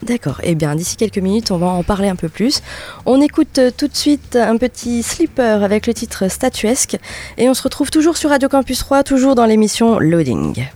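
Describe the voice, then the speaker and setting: Woman radio host, mellow tone, chatty and giggly, lots of "euh". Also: on the high side, big pitch swings, moderate pace. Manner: chatty, laughs often, many fillers. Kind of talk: casual radio chat. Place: radio studio.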